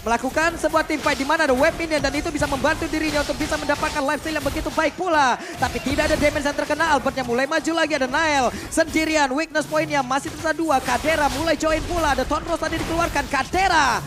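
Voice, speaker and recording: A man doing excited esports play-by-play, with breathless run-on calls that rise into shouts. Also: very high voice, fast, music in the background.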